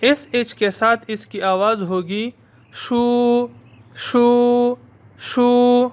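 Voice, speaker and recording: A woman teaching pronunciation, speaking slowly and deliberately and repeating each sound several times in drills. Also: a little high. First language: Urdu. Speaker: language teacher. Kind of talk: pronunciation lesson with drilled repetitions.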